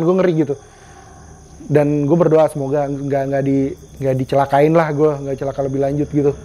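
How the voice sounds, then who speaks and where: A man's voice: on the high side, mellow. A man telling a first-person scary story in a casual, slangy way with a tense edge.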